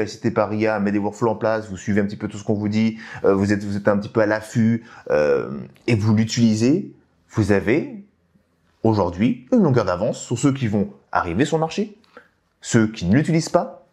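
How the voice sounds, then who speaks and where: A man's voice: fairly low pitch, darkish tone. A man hosting a video, talking casually and animatedly to viewers, with frequent restarts and direct questions to the audience. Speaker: YouTube host talking about AI coding. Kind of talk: casual talk to camera.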